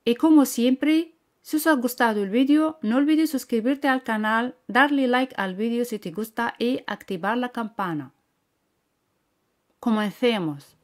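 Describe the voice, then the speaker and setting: A woman teaching French to beginners, repeating each word and phrase slowly and patiently. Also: a little high. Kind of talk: slow language lesson with repeated model phrases.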